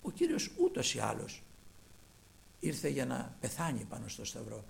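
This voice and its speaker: A man preaching a sermon, retelling scripture dramatically and swinging between loud and hushed delivery. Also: medium pitch, huge pitch swings, vocal fry.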